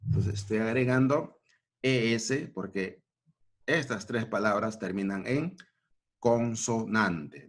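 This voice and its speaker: Brief: unhurried male teacher with a lowish voice, checks in with students often. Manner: slow, repetitive, checking in with "¿no?" and "¿ya?". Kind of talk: grammar lesson at a board.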